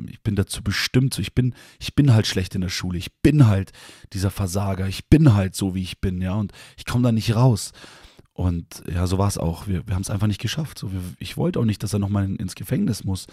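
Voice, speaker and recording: A young man giving an emotional, halting personal faith testimony in casual slang. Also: low-pitched, warm tone, husky, no room sound, studio quality.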